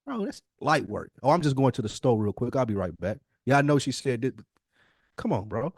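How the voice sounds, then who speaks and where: This podcast host, an American man in his early forties, talks a little fast in a gravelly, husky, medium-pitched voice with big pitch swings. Casual yet reflective and emphatic, he tends to repeat himself to make a point, captured in studio quality with no echo.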